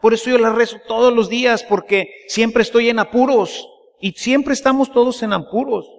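Man, sermon, folksy storytelling, high voice, echoing church. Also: moderate pace, gravelly. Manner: folksy storytelling, keeps asking the congregation to agree. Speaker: priest.

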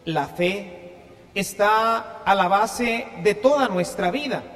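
A priest preaching a sermon in a church, telling a story and asking the congregation questions. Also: male voice, sits high, slow, a bit bright, in a large hall.

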